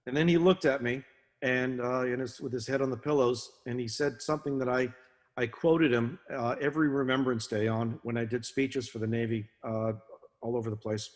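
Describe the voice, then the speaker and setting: A man giving a talk as a guest speaker, telling stories in a halting way with many fillers and restarts. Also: medium pitch, fairly even intonation. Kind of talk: talk to a naval association, storytelling. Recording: long reverb.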